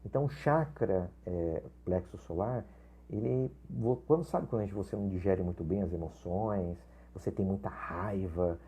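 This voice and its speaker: A man teaches an informal class on spiritual topics. His voice sits low, with a husky edge and a very dark, mellow tone. He talks in a loose, chatty way, with frequent tag questions and restarts. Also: moderate pace. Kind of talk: informal recorded lesson.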